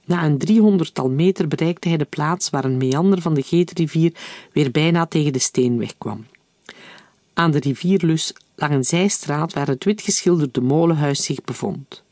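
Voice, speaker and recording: A man reading a novel aloud in steady, even-paced audiobook narration. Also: on the high side, normal speed, no echo. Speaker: reader.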